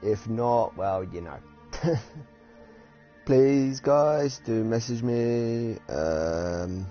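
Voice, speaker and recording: This UK man chats casually while streaming a game, rambling and giggling as he plays. He has a warm, lowish voice, captured in dull lo-fi streaming audio.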